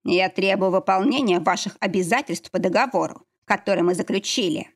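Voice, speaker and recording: A woman's voice: mid-range voice, fairly quick, natural voice. A woman reading the lines of a mocking young male werewolf in an audiobook, sneering.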